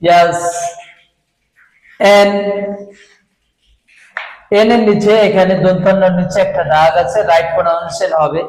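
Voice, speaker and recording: A man teaching English phonics, repeating each sound slowly several times and switching between Bengali and English explanations. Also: sits high, fairly even intonation, a little mellow. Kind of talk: slow drilled pronunciation lesson. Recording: echoey room.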